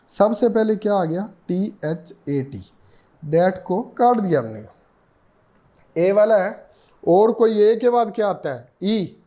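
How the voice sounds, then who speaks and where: Slowly working through a reasoning lesson, a high-pitched teacher with a darkish tone goes over points more than once. He asks his own questions and answers them.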